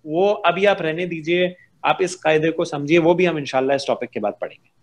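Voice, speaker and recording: A man's voice: on the high side, fairly quick. Patient male Tajweed teacher. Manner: patient, explains rules step by step and models sounds. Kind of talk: online class lecture.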